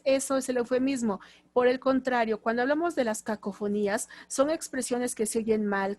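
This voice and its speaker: A Mexican woman lecturing her class in a fairly high voice, explaining steadily and slipping into little acted phrases to show tone. The sound is dry and close. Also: a little mellow, dry recording. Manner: explanatory, acts out short quoted lines in different tones. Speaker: teacher.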